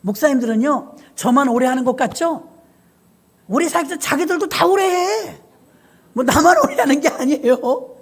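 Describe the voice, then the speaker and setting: A woman's voice: high voice, moderate pace. A middle-aged Korean-church woman pastor delivers a sermon as a string of anecdotes. She narrates in a conversational way and slips into the voices of the people she quotes. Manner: animated storyteller acting out voices. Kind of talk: sermon with storytelling.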